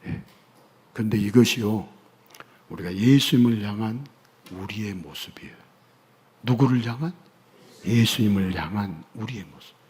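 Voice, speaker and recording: A man preaching a sermon as pastor, dropping to hushed whispers and rising to loud, urgent cries. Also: on the low side, moderate pace, pauses often, husky. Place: church sanctuary. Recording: church hall reverb.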